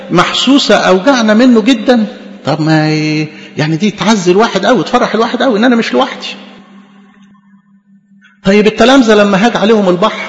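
A man with an Egyptian Arabic accent preaching an impassioned sermon, calling his listeners beloved. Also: high voice. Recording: dull lo-fi recording with long reverb.

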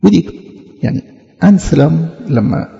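A man's voice: on the high side, lively intonation, moderate pace, vocal fry, mellow. A man with an Egyptian Arabic accent preaching a teaching sermon, arguing through rhetorical questions and emphatic repeated denials. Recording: echoey hall, dull lo-fi sound.

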